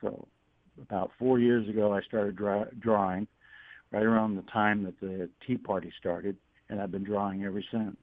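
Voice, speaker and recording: A middle-aged man from Northern California, a guest cartoonist on a radio interview over the phone, who talks haltingly with many fillers and restarts. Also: lowish voice, fairly even intonation, dry recording. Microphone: telephone. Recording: tinny phone line.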